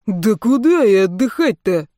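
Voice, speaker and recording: A woman's voice: mid-range voice, very animated, unhurried, dark tone, dry recording, studio quality. A woman reading the part of a surly, grumbling young man. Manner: grumbling, sulky.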